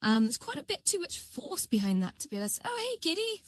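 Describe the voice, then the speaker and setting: Female tutorial streamer, voice-changer processed, higher pitch, dry close sound, halting and thinking aloud as she works. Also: sing-song, a little mellow, no room sound. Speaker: livestream tutorial host. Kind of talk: casual live software tutorial.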